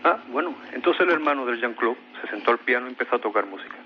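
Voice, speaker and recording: Here a male radio guest with a Spain Spanish accent talks fast and expressively at medium pitch, describing a paranormal experience he personally went through. He hesitates a lot and repeats words as he tells the story on a mystery show. Sound is muffled, with a bit of background noise.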